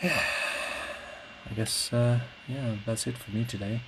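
With a medium-pitched voice and an unhurried pace, a man whose mother tongue is Portuguese rambles casually by himself. He is a podcast host and classical singer who sounds hesitant and contemplative, searching for his words. The audio is clear, with constant background noise.

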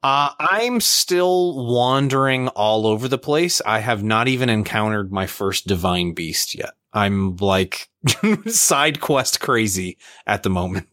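A man's voice: mid-range voice, a bit bright, dry recording, studio quality. A man co-hosting a gaming podcast, talking in a playful, rambling way. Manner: playful, rambling, laughs often. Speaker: podcast co-host. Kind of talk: casual chat.

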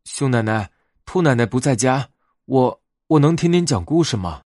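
A man's voice: mid-range voice, animated, normal speed, a little mellow, dry recording, studio quality, lightly acted. A man voicing a timid little rabbit child in a bedtime story, pleading politely and hesitantly. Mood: shy, hopeful.

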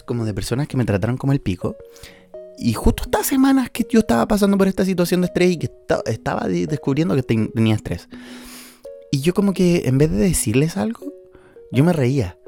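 Talking openly about his stress and anxiety, a Chilean man in his early twenties hosts a casual podcast monologue with faint music in the background. He is emotional, moving between laughing and tearful, and his voice is medium-pitched and mellow.

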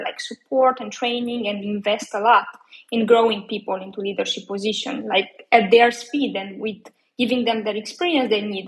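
Heard through poor audio, this medium-pitched Romanian woman in her thirties is a chatty interview guest. She speaks casually, filling her talk with fillers and frequent restarts.

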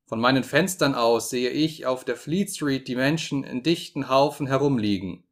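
A man's voice: medium pitch, moderate pace, natural voice. A man voicing a panicked male newspaper editor pleading for help over the telephone, frantic and desperate. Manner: frantic, pleading, fading to a whisper.

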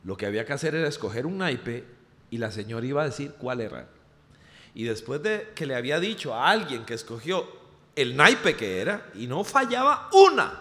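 A man with a Costa Rican accent preaching, telling a humorous personal story in an animated way. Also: medium pitch. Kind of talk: storytelling sermon. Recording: reverberant hall.

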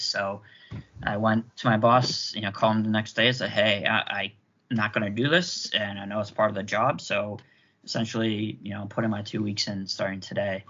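A young man talking haltingly, with restarts and pauses, in a casual podcast chat. His voice sits a little low and sounds bright and forward. The sound is muffled and lo-fi, as if it comes over an online call. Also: a little hiss or hum. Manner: hesitant, halting, with many restarts. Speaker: podcast co-host. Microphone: remote call mic. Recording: dull lo-fi call audio.

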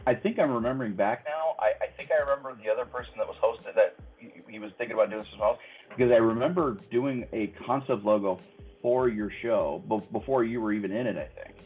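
A man's voice: medium pitch, fairly quick. Man in his thirties on a tinny line. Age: 30s. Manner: friendly, laughs often, storytelling. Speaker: guest. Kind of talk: casual interview chat.

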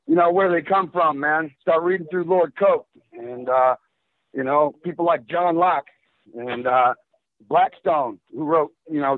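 A man's voice: on the high side, dry recording. A male caller from Washington State, talking over the phone on a call-in show, fired up and rambling with lots of fillers. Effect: phone line. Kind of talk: casual call-in talk. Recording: tinny dry phone line.

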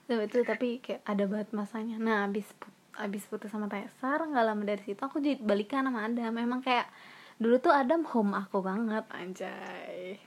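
A young woman in her twenties with a husky, slightly breathy voice talks casually. She tells her stories in a lively way, mocking herself and laughing often. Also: medium pitch, fairly quick. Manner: lively, self-mocking, slangy. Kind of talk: casual chat.

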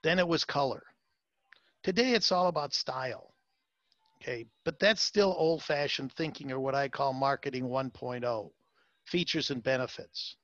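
A man's voice: mid-range voice, moderate pace, a bit bright, no room sound, dull audio. A man being interviewed as a salon marketing consultant, talking emphatically with many fillers and repeated words. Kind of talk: interview, advice talk.

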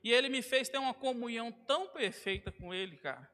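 A man's voice: very high voice, animated, brisk. A young man preaching a sermon in a church hall, casual and familiar, acting out the dialogue in his stories. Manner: casual, addresses listeners as "cara" and "irmão". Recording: long hall reverb, loud music behind. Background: guitar music.

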